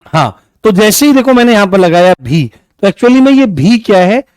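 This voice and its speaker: A man's voice: sits high, big pitch swings, normal speed, a little mellow, dry recording, studio quality. A man teaching an online grammar class, repeating key words and asking and answering his own questions.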